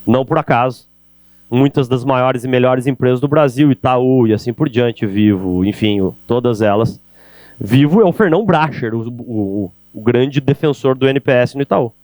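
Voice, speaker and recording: A middle-aged Brazilian man giving an energetic business lecture on sales, talking straight to the audience with rhetorical questions. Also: mid-range voice, no room sound. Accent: Brazilian Portuguese. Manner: animated, addresses audience directly with rhetorical questions. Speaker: keynote speaker on sales. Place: event hall.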